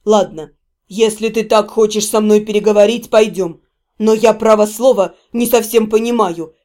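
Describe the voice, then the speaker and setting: A woman voicing a calm, ironic young male necromancer in a storybook reading, speaking softly and with mockery. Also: mid-range voice, moderate pace, voice pushed down, lightly acted. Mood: exasperated. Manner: soft, mocking.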